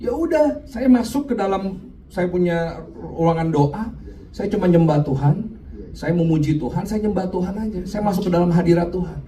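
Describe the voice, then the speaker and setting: High-voiced man preaching in an echoey room. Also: moderate pace. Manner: animated, addresses listeners directly, often says "Pak". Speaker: speaker at a men's fellowship. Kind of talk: sermon with personal testimony. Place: church men's meeting room. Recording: echoey room, far from mic, light noise.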